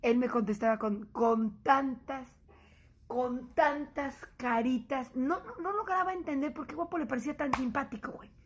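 Animated high-voiced Mexican woman vlogger. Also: moderate pace, a little hiss or hum. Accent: Mexican Spanish. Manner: animated, swearing, laughing through her story; acts out quoted voices. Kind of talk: casual storytelling to viewers.

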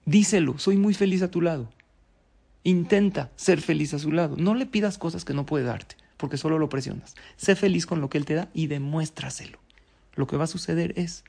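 A man's voice: a little high, gravelly, darkish tone. A man giving marriage advice straight to the listener in an instructive, emphatic way, with many rhetorical questions. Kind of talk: direct-to-camera advice talk.

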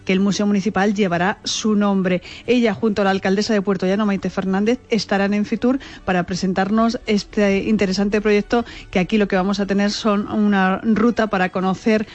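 A female correspondent reports for radio in a relaxed, conversational flow. She leans on small filler words as she goes. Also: medium pitch, muffled recording. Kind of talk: news report.

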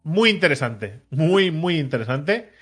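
Animated man telling a story. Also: on the high side, unhurried, husky, soft background music. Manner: animated storyteller, swings into loud mimicked shouts. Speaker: podcast co-host. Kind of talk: casual chat.

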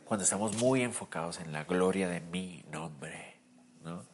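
A man preaching a sermon in a lively way, often asking the listeners questions and swinging from loud bursts to quiet, low lines. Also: a little slow, a little hiss or hum. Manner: animated, swings from loud to soft; asks the listeners rhetorical questions.

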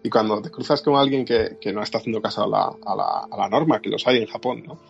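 Gravelly man, lo-fi audio. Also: lowish voice, quick pace. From Spain. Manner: explains at length with restarts. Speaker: podcast guest living in Japan. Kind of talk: casual conversation. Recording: dull lo-fi sound, faint music.

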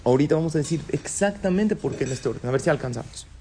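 A man's voice: on the high side, lively intonation, fast talker, background noise. A man leading a religious class, who poses questions to his listeners, answers them himself and slips in light jokes. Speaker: rabbi teaching a class. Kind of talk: Torah lesson in Spanish with Hebrew terms.

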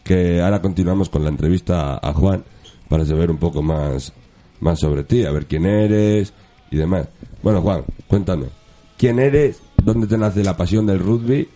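A man's voice: low-pitched, moderate pace, dark tone, faint music behind. A male radio sports show host, chatting casually and asking his guest question after question. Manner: asks questions, interrupts with short remarks. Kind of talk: casual radio chat and interview.

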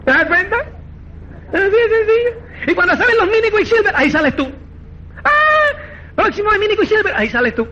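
A man giving a motivational network marketing seminar, animated and acting out quoted dialogue, repeatedly checking that listeners follow. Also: very high voice, brisk, long pauses, muffled recording. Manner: animated, acts out quoted dialogue, keeps asking "¿me entiendes?".

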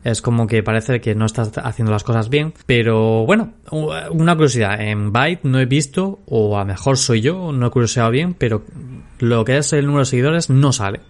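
Young male podcaster, Castilian Spanish accent, medium pitch. Informal, slangy, loose and rambling, speaking directly to his audience. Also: fairly quick. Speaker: podcast host and social media creator. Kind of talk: casual solo podcast chat.

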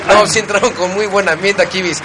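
A man's voice: high-pitched, fairly even intonation, fairly quick, very noisy. A man with a Mexican accent hosting a show, bantering casually and laughing. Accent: Mexican Spanish. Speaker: host. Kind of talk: casual comedy chat.

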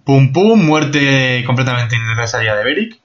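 A man's voice: medium pitch, animated, normal speed, fairly bright tone. Furious profane man ranting. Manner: angry, profane, incredulous ranting. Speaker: podcast host. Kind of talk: ranting TV review. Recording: slightly dull lo-fi podcast audio, faint music.

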